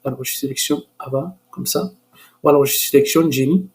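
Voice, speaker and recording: A man hosting a screen-recorded software tutorial, hesitant and full of restarts, growing enthusiastic. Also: medium pitch, steady tone, brisk. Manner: hesitant, many restarts and fillers.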